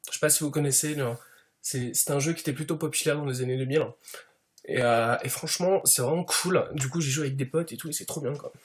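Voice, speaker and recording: A man's voice: mid-range voice, quick pace. A man doing a comedic parody monologue as a smug show-off, padding every sentence with fillers. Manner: smug show-off persona, heavy fillers, constant "tu vois". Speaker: YouTuber.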